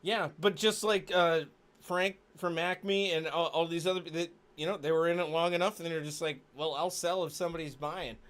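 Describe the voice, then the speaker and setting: Co-host, male, 40s, raised pitch, relaxed reminiscing chat with wry asides. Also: normal speed. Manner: easygoing, wry joking. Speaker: stream co-host. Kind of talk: casual chat.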